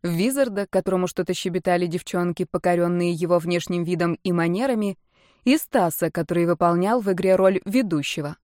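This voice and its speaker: A woman reading a novel aloud in measured, even scripted narration. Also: fairly low pitch, no room sound, clean studio sound. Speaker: audiobook narrator.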